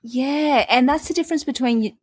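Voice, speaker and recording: A young woman with a slightly husky voice, chatting casually as a podcast co-host. She speaks frankly and with emphasis, now and then swearing in passing. The sound is close and dry, with no room around it. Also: high-pitched, a little fast, no echo. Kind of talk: casual chat.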